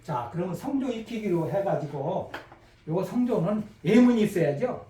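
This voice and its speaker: Middle-aged man, language lecture, high lively voice, echoey room, a little off-mic. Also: normal speed, far from the mic. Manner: animated, acts out phone calls and crisp shouted replies to show tones. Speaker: Chinese language teacher.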